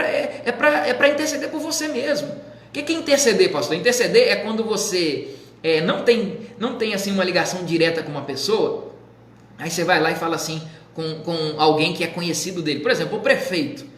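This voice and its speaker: High-voiced man preaching in an echoey room. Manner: teaching with questions to the audience. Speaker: pastor. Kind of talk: sermon. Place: indoor room, live stream. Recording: roomy echo.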